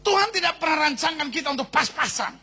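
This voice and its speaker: A male Indonesian pastor preaching a lively sermon, telling jokes and shouting his points to the congregation. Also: very high-pitched, fast talker. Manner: animated storyteller acting out characters, shouting at climaxes. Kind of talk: sermon with humorous stories.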